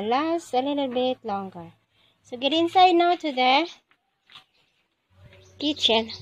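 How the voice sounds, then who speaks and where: A cooking vlogger from the Philippines, her voice on the high side, films herself on a handheld phone in her home kitchen. She chats casually in a Filipino accent, addressing viewers as "guys" and exclaiming "wow" and "yummy," though the audio quality is poor.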